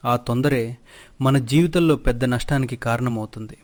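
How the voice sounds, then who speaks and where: A man voicing a kindly old wandering holy man in a narrated storybook, speaking in a slow, advising way. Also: medium pitch, close to an everyday voice.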